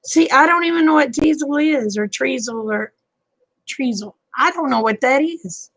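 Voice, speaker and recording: A woman's voice: high voice, expressive, normal speed, fairly bright tone, dry recording, low-quality recording. A woman in her fifties, hosting a live chat stream and talking casually with viewers in a folksy, talkative way, often chuckling. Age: 50s.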